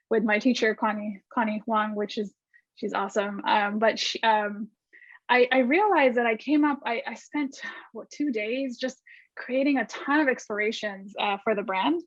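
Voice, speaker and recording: A guest designer from Argentina, a woman with a mid-range voice, answers student questions on a casual video call. She is chatty, with lots of restarts and fillers. The call audio is dull and lo-fi, without room sound.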